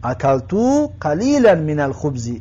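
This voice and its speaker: A man teaches a grammar lesson in a fairly high voice. He works through each phrase slowly and patiently, translating it and repeating it for his students. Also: sing-song, warm tone, husky, highs cut off. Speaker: Arabic language teacher.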